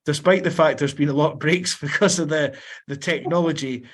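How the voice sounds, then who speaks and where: This sports podcast host is a man with a somewhat high voice and a fairly quick delivery. He asks questions casually in an interview setting and often repeats words as he begins them.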